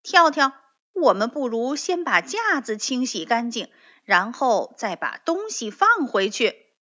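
A woman voicing a small excitable rabbit in a children's story, talking in loud, high, indignant outbursts. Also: unhurried, exaggerated voice. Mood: eager. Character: little excitable rabbit, quick to anger. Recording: dull lo-fi recording.

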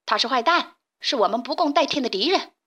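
A woman's voice: high voice, expressive, brisk, pushed and bright, heavily acted. A woman playing a cheeky, taunting young rooster.

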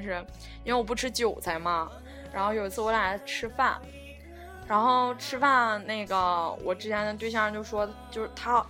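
Bright-voiced rambling woman. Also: medium pitch. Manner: rambling storytelling full of fillers; swears casually. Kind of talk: casual chat.

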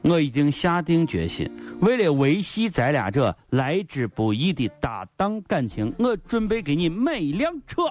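Male radio comic, Shaanxi accent, very lively intonation, excitable repetitive patter, light music behind. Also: fairly high pitch, normal speed, hardly any pauses. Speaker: radio comedy show host. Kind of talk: comic dialogue skit. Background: faint music.

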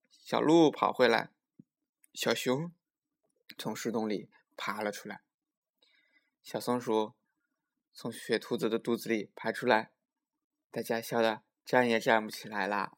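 Guy reading a kids bedtime story, normal pitch, gentle and expressive. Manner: gentle, expressive, slow at times. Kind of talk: children's bedtime story narration.

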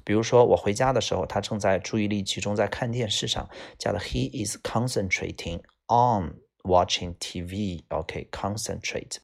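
Gravelly low-voiced male teacher. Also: moderate pace, hardly any pauses. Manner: explains word by word, repeats key words, frequent "啊" fillers. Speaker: English teacher. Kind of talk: vocabulary lesson.

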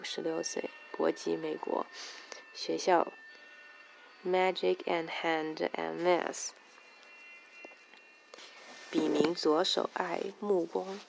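A woman's voice: fairly low pitch, little pitch movement, takes it slowly, creaky, pauses often, a little hiss or hum. A woman casually reading a novel aloud, with crude asides of her own. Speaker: reader.

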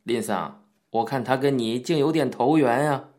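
A man voicing a gruff middle-aged martial arts coach who scolds and jokes bluntly, in an audiobook reading. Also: mid-range voice, normal speed, a little mellow, natural voice. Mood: grumbling. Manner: brusque, scolding, boisterous joking. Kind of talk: audiobook character voice.

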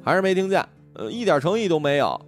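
A petulant young girl from a storybook who sulks and makes demands in a high, whiny voice. Her pitch jumps well above a normal speaking voice and swings about a lot, as a man reads her lines. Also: big pitch swings, fast talker, soft background music. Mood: teasing. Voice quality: high, whiny put-on girl's voice. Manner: pouty and demanding.

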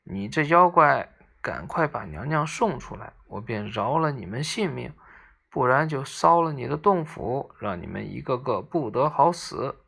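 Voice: mid-range voice, big pitch swings, unhurried, gravelly, fairly bright tone, slightly rough, full character voice. A narrator voicing a cocky monkey king. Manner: taunting, bold.

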